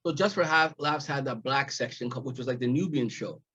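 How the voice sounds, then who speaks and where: A man's voice: mid-range voice, fairly quick, pushed and bright, husky. A man in his fifties from Jamaica, raised in Montreal, telling stories as a comedy guest in a casual interview, laughing often and restarting his sentences. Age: 50s. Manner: laughing, rambling storyteller with restarts. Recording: dull lo-fi sound.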